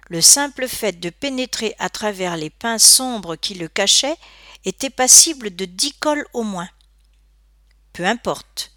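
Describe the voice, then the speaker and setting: A woman narrating a story aloud in an expressive, scripted reading. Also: mid-range voice, slightly rough, no room sound, studio quality. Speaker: audiobook narrator.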